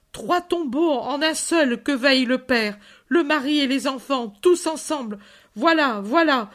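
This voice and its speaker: Bereaved mother in anguish, pitched high and pleading, read by a woman. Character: grief-stricken mother, mutilated, wailing.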